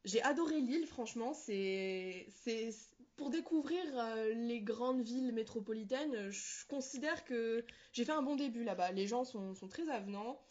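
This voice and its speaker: Speaking a little slowly, the New Caledonian woman answers interview questions about her own experience in a relaxed way, pausing to find words and fixing what she says. Her voice is on the high side and darkish, heard through lo-fi sound.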